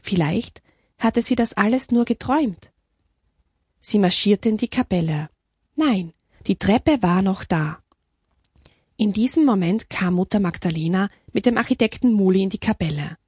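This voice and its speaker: A woman's voice: mid-range voice, animated, moderate pace, a little mellow, slightly rough, no room sound, clean studio sound. A woman reading a storybook aloud, telling it expressively.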